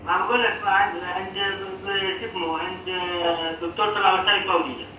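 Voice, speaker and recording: A man's voice: high-pitched, steady tone, fairly quick, far from the mic. Man over a phone line, pharmacist, polite short questions, echoey muffled line, noisy background. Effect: heard over a phone line. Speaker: pharmacist answering a call. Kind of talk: casual phone talk.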